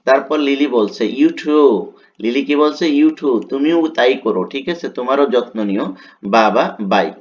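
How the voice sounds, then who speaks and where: A man with a Bangladeshi accent teaching an English lesson, reading a textbook dialogue slowly, explaining it and asking and answering his own questions. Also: mid-range voice, darkish tone, lo-fi sound.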